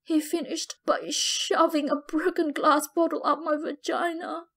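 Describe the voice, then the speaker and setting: Dying mother, high and gasping, faint and pained; a woman reads it. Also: steady tone, unhurried. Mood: agonized.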